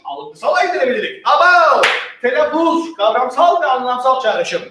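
A man teaching an exam-prep lecture in a lively, playful, slangy manner, asking questions and answering them himself. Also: very high voice, moderate pace, noisy background. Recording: echoey room.

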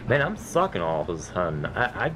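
With music playing underneath, a low-voiced man talks fairly quickly, his pitch swooping wildly, as he casually commentates a game. Nasal and rambling, he drifts between anecdotes, belittles himself, and curses when he dies.

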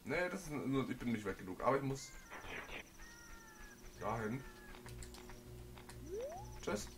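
Lively jokey gaming commentator man. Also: mid-range voice, slow, a little hiss or hum. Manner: jokey, animated reactions. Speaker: let's play gamer. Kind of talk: casual gameplay commentary.

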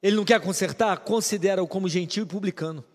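A man's voice: sits high, fast, big-room sound. A Brazilian man preaching a live-streamed sermon as pastor, emphatic, with short repeated commands. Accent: Brazilian Portuguese. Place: church sanctuary.

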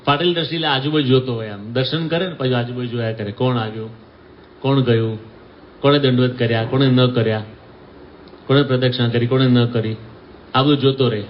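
A swami giving a devotional sermon, telling stories and acting out the quoted voices with a few English phrases mixed in. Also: male voice, mid-range voice, fairly even intonation, brisk. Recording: slightly dull recording with faint noise.

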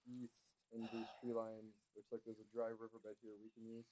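A man's voice: fairly low pitch, monotone, moderate pace, dark tone, a little hiss or hum, rough recording. A man on a headset leading a squad in a military game, making clipped, procedural radio calls.

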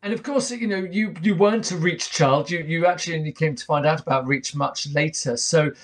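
A man in his fifties hosting an interview over a video call from a small home room, asking measured questions with frequent fillers. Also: fairly high pitch. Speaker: interview host. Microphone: webcam on a video call.

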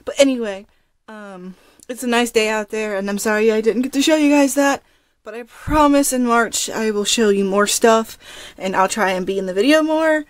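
A woman's voice: a little high, moderate pace, dry recording. A young woman vlogging in a casual, rambling and apologetic way. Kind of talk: casual vlog chat.

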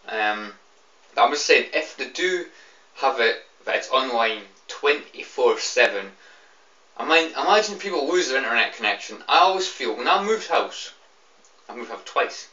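Young British male, tipsy and fed up, ranting casually with repeats and swearing; sharp tone, dull roomy recording. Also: mid-range voice, moderate pace. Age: young adult. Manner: annoyed, repetitive, rambling, swearing. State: tipsy, drunk. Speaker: video game fan giving opinions. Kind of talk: casual off-the-cuff rant to camera. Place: small room indoors. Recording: roomy, distant, slightly dull webcam sound.

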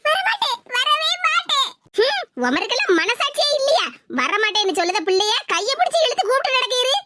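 Woman doing a defiant village woman, squeaky and high. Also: very animated, brisk, very noisy. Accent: Tirunelveli Tamil. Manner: defiant, threatening. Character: bold village woman defending a runaway girl.

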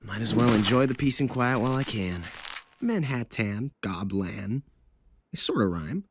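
An actor voicing a wisecracking teenage male superhero in a cartoon, quick joking banter full of sarcastic quips. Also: on the low side, animated, noisy background.

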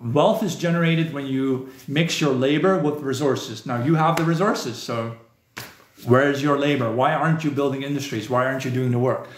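A man's voice: mid-range voice, normal speed, echoey room. A man from the southern Netherlands, hosting a live stream in a casual, rambling, opinionated way, often adding "you know". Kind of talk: casual live stream chat reading viewer comments.

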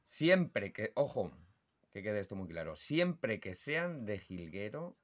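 A man's voice: fairly low pitch, sing-song. A man with a Spanish accent teaching the rules for judging songbird calls, imitating the calls aloud. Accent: Spanish (Spain). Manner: slow, deliberate, imitates bird calls aloud. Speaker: birdsong judging instructor. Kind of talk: explanatory lesson.

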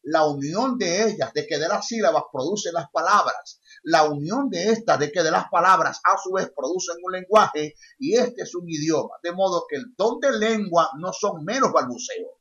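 A man's voice: sits high, animated, moderate pace, few pauses, pushed and bright. A male preacher teaching a sermon emphatically, repeating his key phrases. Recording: dull lo-fi sound.

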